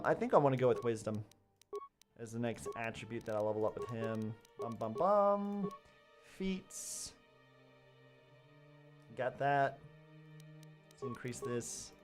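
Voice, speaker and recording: A man's voice: mid-range voice, darkish tone. Playful stammering gameplay host, man. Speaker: let's play host. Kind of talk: casual gameplay commentary.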